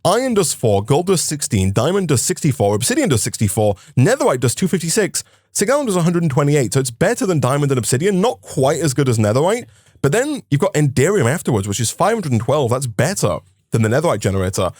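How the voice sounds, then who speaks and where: A man's voice: fairly high pitch, sing-song, fast, darkish tone, dry recording, clean studio sound. Chatty man explaining game mechanics. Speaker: co-host. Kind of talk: casual gaming chat.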